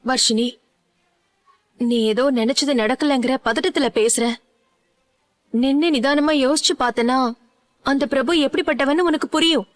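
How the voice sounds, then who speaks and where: This is an earnest older aunt from a dubbed TV serial, voiced by a woman. She coaxes and urges in a high voice. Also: normal speed, pauses often, close to an everyday voice. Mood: coaxing. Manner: coaxing, earnest. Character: persuasive older aunt, urging her niece.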